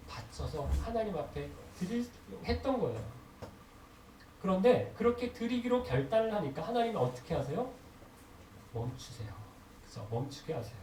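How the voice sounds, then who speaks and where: A man preaching a sermon as pastor, posing questions to the congregation and answering them, slowing down to stress key phrases. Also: on the high side, darkish tone. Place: church sanctuary. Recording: echoey hall from a distance with noise.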